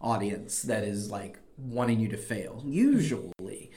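A man's voice: lowish voice, animated, a little slow, dark tone. A man hosting a conversational podcast, explaining his points and giving encouraging advice like a coach. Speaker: podcast host and debate coach.

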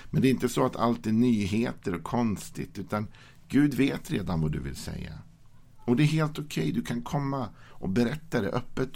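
A man giving a daily devotional sermon, reading scripture aloud and then explaining it calmly and gently. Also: lowish voice, creaky. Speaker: preacher.

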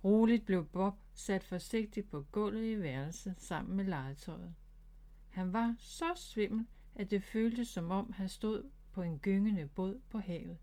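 A woman narrating a children's storybook in a calm, steady way. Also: medium pitch.

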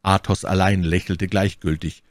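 Deep voiced guy reading an old adventure novel aloud, steady, dry audiobook sound. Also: normal speed, no echo. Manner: steady, storytelling. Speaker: audiobook reader. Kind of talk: scripted narration.

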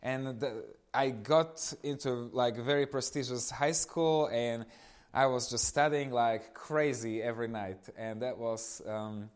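A guest speaker in his thirties from eastern Slovakia talks informally to his audience, sharing personal testimony in a Slovak accent. His mid-range voice is clear and resonant and a little slow, and his animated storytelling includes self-amused asides.

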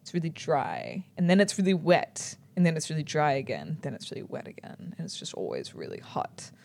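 NZ woman, deep fry-edged voice, reflective conversational read with soft trailing endings. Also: huge pitch swings, fairly quick. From New Zealand. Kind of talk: casual conversation.

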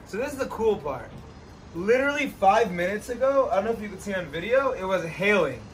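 A man hosting a casual outdoor chat, giving energetic, joking fitness advice beside an ice bath. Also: sits high, brisk, recorded from a distance, slight background noise, poor audio. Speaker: host, trainer.

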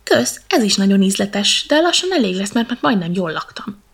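A woman's voice: medium pitch, sing-song, husky. A woman doing a chatty little elephant. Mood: easygoing. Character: good-natured, hungry little male elephant.

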